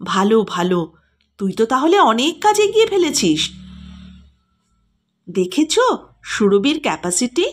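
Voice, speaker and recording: A woman's voice: fairly high pitch, sing-song, faint music behind. A woman voicing a bossy young elder sister who teases and orders others about. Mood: teasing. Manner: teasing, brisk, commanding.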